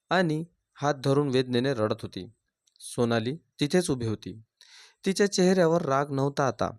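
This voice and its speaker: A man's voice: medium pitch, no room sound, clean studio sound. A man narrating a scripted emotional family drama in an earnest, dramatic way. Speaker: storyteller.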